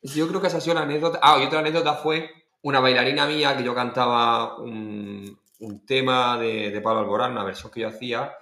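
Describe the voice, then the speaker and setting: A man's voice: mid-range voice, a little fast, few pauses. A man from Spain with a Murcian accent, a guest singer telling stories in a casual podcast interview and acting out voices as he goes. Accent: Murcian Spanish. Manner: animated anecdote-telling, acting out voices with laughs. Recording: echoey room.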